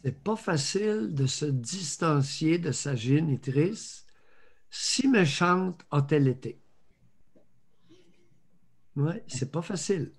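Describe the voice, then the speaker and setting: Man, host, very slow, husky, measured advice. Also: on the high side, animated.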